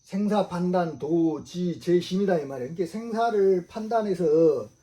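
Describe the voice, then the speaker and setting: A man's voice: sits high, moderate pace, warm tone. A middle-aged man, preaching a religious sermon in a repetitive, emphatic way, often asking his listeners if they understand. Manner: repetitive, emphatic, with frequent rhetorical questions.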